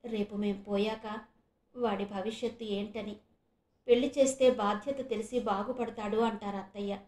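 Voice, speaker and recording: A woman's voice: mid-range voice, fairly even intonation, normal speed, darkish tone, echoey room, close to an everyday voice. A woman voicing a weary, sorrowful mother. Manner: sorrowful, lamenting. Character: middle-aged mother, weary and full of sorrow.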